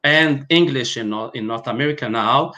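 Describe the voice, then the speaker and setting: Speaking from a home room on a video call, a guest pharmacovigilance specialist from Algeria is interviewed online. Arabic and French are his first languages, and his delivery is halting, full of fillers and restarts. His voice sits mid-range with a bright, forceful tone.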